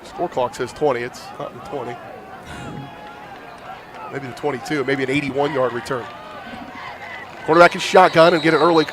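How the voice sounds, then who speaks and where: A man doing live high school football commentary with a thick smoker's rasp, congested from hay fever. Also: background noise. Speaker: play-by-play announcer. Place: outdoor football stadium broadcast.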